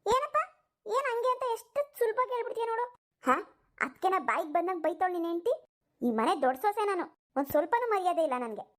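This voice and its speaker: A woman's voice: very high-pitched, very animated, fast talker. Woman doing a proud, defensive elder daughter-in-law. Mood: resentful. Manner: defensive, retorting. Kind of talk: cartoon voice acting.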